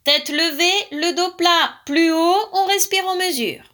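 A woman voicing a brisk, demanding female frog coaching jumps in a children's story. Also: sits high, big pitch swings, sharp tone, voice pushed up, exaggerated voice. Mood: bossy.

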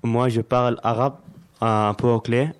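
A young male student from Syria introduces himself in simple, halting phrases. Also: mid-range voice, flat delivery, clear, resonant tone. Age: young adult.

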